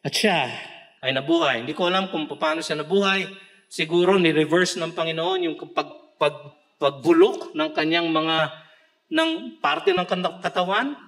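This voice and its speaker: A man with a Filipino accent preaching a sermon, mixing Tagalog with English scripture quotes and swelling into emphatic shouts. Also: on the high side, unhurried. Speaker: pastor. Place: church.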